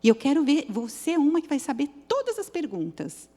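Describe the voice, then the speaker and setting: A middle-aged woman with a Brazilian accent trains church children's workers, telling stories with lively energy and speaking straight to her listeners. Her voice sits fairly high. The sound carries a long reverb, as in a church hall. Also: a little fast. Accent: Brazilian Portuguese. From São Paulo, Brazil. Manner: lively storytelling, addresses the group directly.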